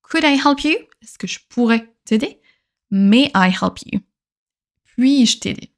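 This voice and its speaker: A woman's voice: a little high, expressive, takes it slowly. Patient French woman teaching grammar. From France. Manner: clear, patient explanations, repeats each English example twice. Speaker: English teacher.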